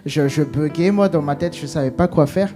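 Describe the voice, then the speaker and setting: A man giving an emotional personal testimony, halting with many restarts and fillers, acting out what was said. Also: a little high, mellow, faint music behind.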